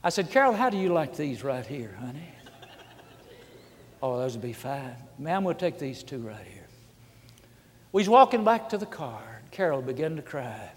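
A man, preaching a folksy storytelling sermon that swings from hushed asides to loud shouts. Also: medium pitch, sing-song, moderate pace, pauses often. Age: 70s. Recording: reverberant hall.

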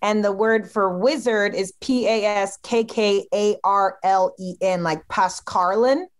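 A woman's voice: mid-range voice, fairly even intonation, measured pace. A woman from Kansas City hosting a casual podcast, reading out trivia questions in a laid-back, chatty and teasing way. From Kansas City, USA. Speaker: podcast host.

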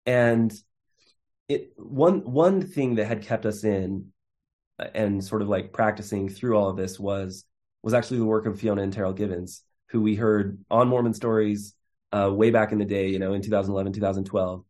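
Mellow-voiced man telling his story. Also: lowish voice, fairly even intonation, normal speed. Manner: casual, many fillers and restarts. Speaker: interview guest. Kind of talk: conversational storytelling.

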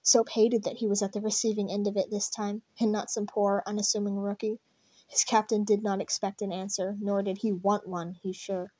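A woman reads a story aloud in a soft, mellow voice with little rise or fall. Her narration is even and unhurried. The recording is dry and close, with no room sound. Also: mid-range voice, no room sound. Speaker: reader. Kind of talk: fan fiction read-aloud.

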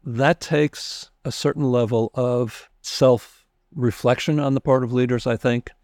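A man hosting an interview, speaking in a deliberate, reflective conversational way. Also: mid-range voice, steady tone, a little mellow, no echo, studio quality. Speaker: interview host.

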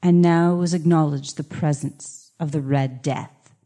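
A woman's voice: sits low, fairly even intonation, unhurried, warm tone, voice pushed down. A woman playing a solemn gothic narrator in a grave, formal reading of a horror tale. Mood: grave, ominous. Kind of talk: dramatic literary reading.

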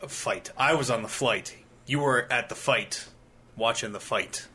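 A man's voice: mid-range voice, a little slow, bright, forceful tone, a little hiss or hum. A man hosting a gaming podcast, telling a rambling travel story in casual chat, swearing freely. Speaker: podcast host.

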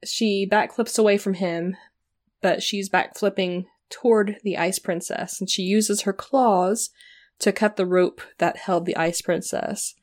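A woman's voice: mid-range voice, fairly even intonation, measured pace. A woman co-hosting a casual discussion, chatty and giggly, often breaking off mid-thought and laughing. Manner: chatty, giggly, self-interrupting. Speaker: podcast co-host. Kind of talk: casual discussion and reading aloud.

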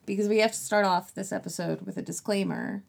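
Woman podcast co-host, hoarse and squeaky, chatty and self-mocking. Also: steady tone, a little fast. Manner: chatty, self-deprecating storyteller. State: hoarse, squeaky voice from throat infection. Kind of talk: casual chat.

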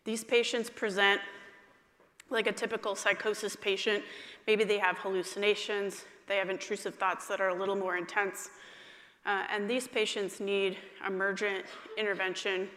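Woman doctor giving a conference talk, crisp bright tone, long hall reverb. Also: mid-range voice, level tone, normal speed. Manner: clear, friendly lecturing with light humor. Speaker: emergency physician giving a talk.

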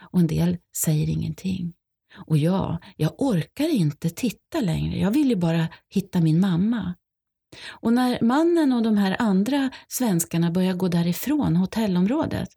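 Numb young boy, measured first-person telling, read by a woman; husky, low. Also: animated, mellow, heavily acted. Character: young boy, lost and numb after disaster. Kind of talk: first-person testimony reading.

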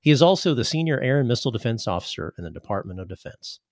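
An American man working as a podcast host, reading a scripted introduction and questions in a formal, measured way. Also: mid-range voice, sing-song, a little mellow, no room sound, studio quality. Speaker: podcast host, army officer.

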